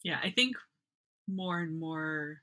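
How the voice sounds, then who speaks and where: Low-voiced woman, slow and halting, kinda bright tone, podcast co-host feeling her way through a thought. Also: expressive. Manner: hesitant, searching for words. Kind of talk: casual chat.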